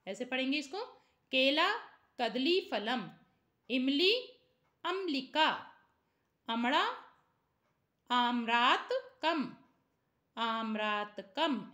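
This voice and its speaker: A woman leads a classroom lesson in a high, bright voice. She reads each word pair at an unhurried pace, then adds quick explanations. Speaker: Sanskrit teacher.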